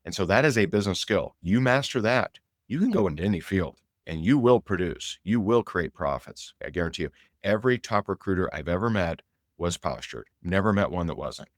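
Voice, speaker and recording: Middle-aged male sales coach, deep voice, energetic and emphatic, dry recording. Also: brisk, dry recording. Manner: energetic, emphatic, repeats key points; casual, conversational storytelling. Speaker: sales coach and show host. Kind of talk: motivational sales talk.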